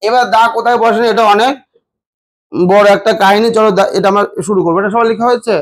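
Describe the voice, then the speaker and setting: A male teacher giving a grammar lesson. He asks the class questions, answers them himself, calls his students "babu" affectionately, and draws words out slowly to spell them or count syllables. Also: high-pitched, fairly even intonation. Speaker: English teacher.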